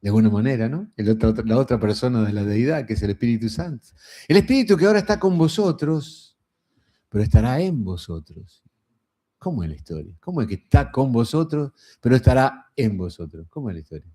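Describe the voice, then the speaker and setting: Middle-aged Rioplatense male preacher; relaxed, conversational sermon delivery with a warm, dark tone and plenty of rhetorical asides. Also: mid-range voice, fairly quick. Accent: Rioplatense Spanish. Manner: folksy and conversational, frequent rhetorical "¿no?".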